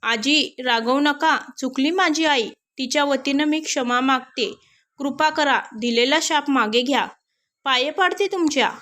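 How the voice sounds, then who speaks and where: Sweet young princess begging softly and humbly, voiced by a woman narrator, high voice. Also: a little slow. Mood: pleading. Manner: pleading, apologetic.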